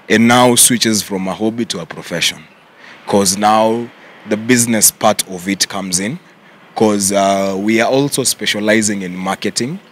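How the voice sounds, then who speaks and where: A young man with a Kenyan accent, answering interview questions in a relaxed way and mixing English with Swahili slang. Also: on the low side, a little hiss or hum. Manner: relaxed, mixes English and Swahili slang, says "yeah" often. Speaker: content creator guest.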